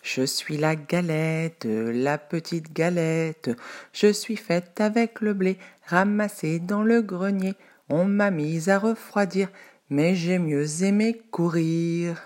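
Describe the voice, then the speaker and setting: A woman voicing a tiny proud runaway pancake in a storybook, squeaky and cheeky, singing her little song slowly. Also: huge pitch swings, exaggerated voice.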